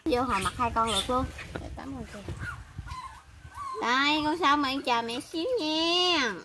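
Woman, high voice, cooing baby talk, home video, noisy background. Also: moderate pace. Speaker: pet monkey owner. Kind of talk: home video chat to pets.

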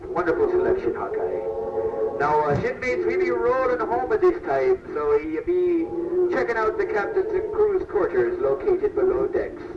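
A man's voice: high voice, wildly swooping pitch, normal speed, heavy background noise. A man working as a ship captain, giving a comedic live tour spiel with pirate-style "aye" interjections over a PA microphone aboard a sailing ship attraction. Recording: distant roomy lo-fi PA recording.

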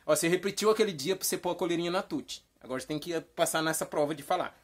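A woman hosting a playful comedy vlog, rambling and teasing, with sudden mock shouts. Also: lowish voice, very fast. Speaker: vlog host.

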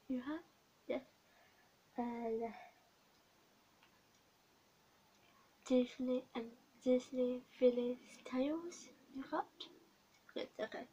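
A young woman playing an attentive bookshop and library clerk in an ASMR role-play, talking haltingly in short, repeated phrases. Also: on the high side, a little mellow, slightly rough, muffled recording. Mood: businesslike. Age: young adult. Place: small home room, indoors. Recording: noisy home recording with clicks.

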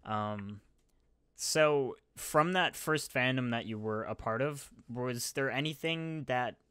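A man's voice: mid-range voice, slow, bright, forceful tone, smooth, no room sound, clean studio sound. A young man hosting a podcast, chatting in a rambling, self-deprecating way with lots of fillers. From United States. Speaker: podcast host. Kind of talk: casual chat.

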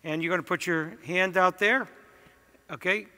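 A man's voice: high-pitched, moderate pace, bright, forceful tone. A man, a priest, walking a wedding party through their rehearsal, giving chatty directions with joking asides. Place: large church. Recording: long church reverb.

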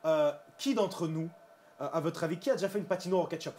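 A man hosting a playful group chat, teasing his guests with quick jokes. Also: on the high side, darkish tone. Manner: teasing, fast, laughing. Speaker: host. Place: studio.

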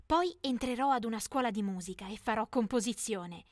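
A woman's voice: a little high, brisk, dry recording, clean studio sound. A young woman telling a dramatic first-person teen story in scripted narration.

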